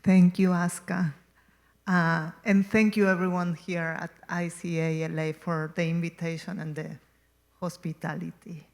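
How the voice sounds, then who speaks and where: Woman from Argentina in her forties, guest artist at a museum talk, slow and halting, lowish voice. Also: little pitch movement, creaky. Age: 40s. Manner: hesitant, many ums and restarts. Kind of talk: gallery talk. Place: museum gallery.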